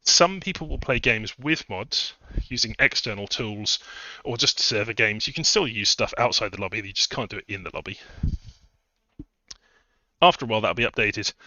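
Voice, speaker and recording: Slightly fast and lowish, this man's voice comes across pushed and bright as he streams live and chats about game modding. His delivery is conversational and rambling, packed with fillers and false starts, and he's a little out of breath. There's no room sound, and the high frequencies are missing.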